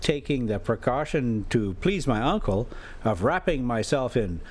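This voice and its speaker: An American travel vlogger and storyteller with a folksy, informal manner speaks in an expressive mid-range voice, a little slowly. He mixes casual, rambling chat with reading a classic novel aloud.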